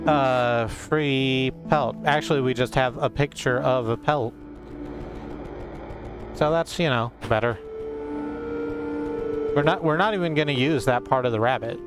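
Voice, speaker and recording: A man's voice: mid-range voice, unhurried, long pauses. A man giving casual video game commentary, thinking aloud in a rambling way as he plays. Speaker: game streamer. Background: music.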